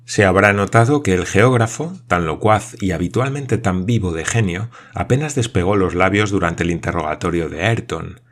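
A man narrating a novel as an audiobook, in a steady, even reading. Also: deep voice, moderate pace, few pauses. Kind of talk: scripted narration.

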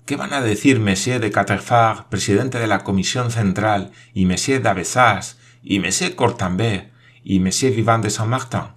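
A man reading aloud, voicing an excitable, absent-minded French geographer who declaims rapidly and with enthusiasm. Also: fairly low pitch, lightly acted. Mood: dismayed.

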